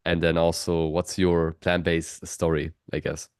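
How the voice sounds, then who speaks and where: Deep-voiced male host, dry sound. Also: completely flat delivery, unhurried, clear, resonant tone, no room sound. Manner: friendly, repeats words, many fillers. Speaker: host, vegan fitness coach. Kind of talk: podcast interview hosting.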